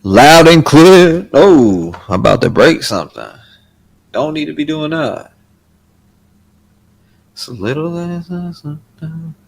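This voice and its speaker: A man's voice: fairly high pitch, animated, unhurried, vocal fry, long pauses, a little mellow, slightly rough. A man hosting a livestream with casual, slangy, rambling asides. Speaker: livestream host.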